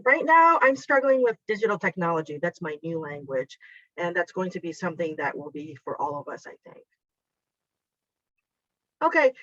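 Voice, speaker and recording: A woman whose first language is Japanese presents an online teacher workshop, chatty and encouraging as she guides the audience step by step. Her voice is fairly low and a bit bright, and the dry recording comes through a video call as dull, lo-fi audio.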